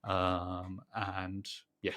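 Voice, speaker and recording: A man co-hosting a gaming podcast, speaking in a relaxed, hesitant way with frequent "uh" and "um". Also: sits low, extremely slow. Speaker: podcast co-host. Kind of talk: casual gaming chat.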